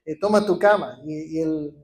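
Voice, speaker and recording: A man's voice: a little high, moderate pace, reverberant. A man with a Chilean accent preaching a sermon as a pastor, passionate and building to emphatic repeated declarations, with some hesitations and restarts. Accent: Chilean Spanish. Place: church.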